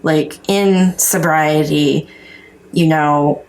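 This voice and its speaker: A woman's voice: low voice, fairly even intonation, extremely slow, darkish tone, a little hiss or hum, low-quality recording. A woman with a North Dakota accent talking frankly and earnestly in a casual chat, sharing personal testimony as a guest, with some salty language. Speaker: podcast guest sharing recovery story.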